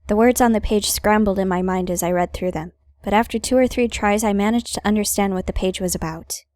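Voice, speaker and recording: A woman's voice: mid-range voice, a little fast, darkish tone, no echo. A woman hosting a gaming video, reading visual novel narration aloud with playful, wry casual asides.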